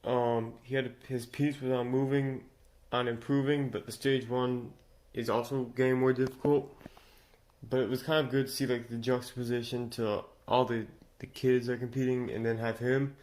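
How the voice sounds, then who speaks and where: A congested man talks through his thoughts on a competition episode in a loose, rambling way. He stops and restarts often, filling gaps with ums, at a middle pitch for a man. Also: flat delivery, normal speed, darkish tone. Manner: rambling, many fillers and restarts. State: congested from recent illness. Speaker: show reviewer. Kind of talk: casual unscripted commentary.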